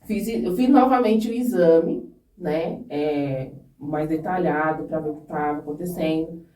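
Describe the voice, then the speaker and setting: Candid woman, mellow voice in echoey room. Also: sits low, measured pace, far from the mic. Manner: earnest and candid, with frequent restarts. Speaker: podcast guest. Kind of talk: personal storytelling in a podcast interview.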